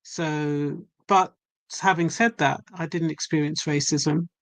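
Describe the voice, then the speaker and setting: A woman's voice: deep voice, steady tone, no echo. Older woman, reflective, dry sound. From England. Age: 70s. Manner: measured, reflective storytelling. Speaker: guest poet and author. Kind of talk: casual chat.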